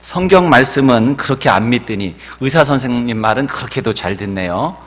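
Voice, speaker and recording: A pastor voicing an exasperated church wife. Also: male voice, mid-range voice, expressive, fairly quick, a bit bright. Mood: coaxing, exasperated. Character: church deaconess wife, gently scolding her husband. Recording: long church hall reverb.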